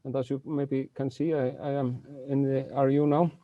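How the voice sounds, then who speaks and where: A man's voice: medium pitch, little pitch movement, dry recording. Guy asking a question, stops and restarts a lot, dry muffled call audio. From Iceland. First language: Icelandic. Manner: halting, many restarts. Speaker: audience member asking a question. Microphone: video call.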